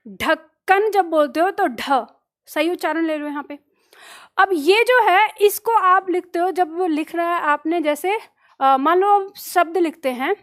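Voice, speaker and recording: Woman hindi teacher, pretty high voice, asks the class stuff then answers it, stretches out the letter sounds. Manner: explains step by step, asks the class questions and answers them; slows down and drags out letter sounds to demonstrate pronunciation. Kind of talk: online exam-prep lesson.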